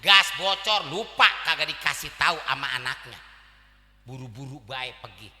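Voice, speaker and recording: A man's voice: mid-range voice, normal speed, soft background music. A man with a Betawi accent giving a comic sermon, telling stories and acting out dialogue. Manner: storytelling with acted dialogue, lively. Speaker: preacher. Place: mosque gathering. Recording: echoey hall reverb.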